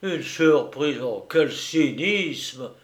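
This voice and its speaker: A man voicing a flustered, jealous middle-aged husband who shouts and sputters with rage. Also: on the high side, unhurried, natural voice. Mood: furious.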